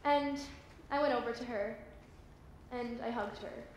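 A woman's voice: fairly high pitch, a little slow, lightly acted. Actress doing a confessional teen runaway girl, stage monologue, very reverberant library hall. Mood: troubled. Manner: earnest, confessional storytelling. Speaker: stage actor. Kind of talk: theatrical monologue. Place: library hall, live performance. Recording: echoey room, faint hiss.

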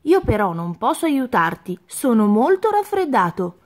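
A woman's voice: on the high side, big pitch swings, normal speed, darkish tone. Woman doing a whispering elephant with a cold. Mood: whispery. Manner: whispering, stuffy. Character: playful young male elephant cousin with a cold.

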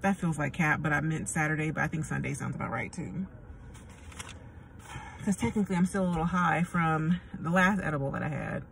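A woman's voice: sits low, a little fast, creaky. A middle-aged American woman giving a casual, rambling talk to camera in a blunt, slangy, conversational way. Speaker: vlogger. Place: inside a car. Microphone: phone at arm's length. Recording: distant mic, noisy car ambience.

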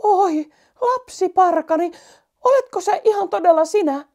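A woman's voice: very high-pitched, animated, darkish tone, pitched above the performer's own voice. A woman voicing a loving mother mouse who calls out with tearful joy. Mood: overjoyed.

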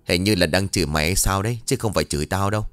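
Man doing a gruff cursing old father. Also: low-pitched, very fast, fairly bright tone, no room sound, faint music behind. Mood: grumbling gruff. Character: grumpy older village father.

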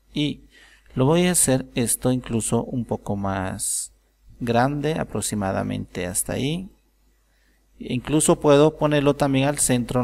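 A man calmly explaining a software tutorial step by step, thinking aloud as he works. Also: medium pitch, vocal fry. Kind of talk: screen-recorded software tutorial.

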